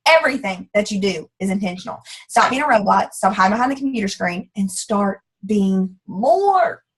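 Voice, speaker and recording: A woman from the American South, likely in her thirties, giving a loud, fast, emphatic motivational pep talk as guest speaker on a call. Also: medium pitch, animated, slightly rough, rough recording.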